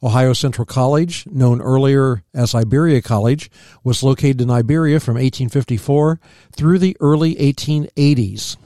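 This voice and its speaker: Man reading local history, mellow and dry. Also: mid-range voice, normal speed, dry recording. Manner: steady, plain reading with small slips. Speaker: local history podcast co-host.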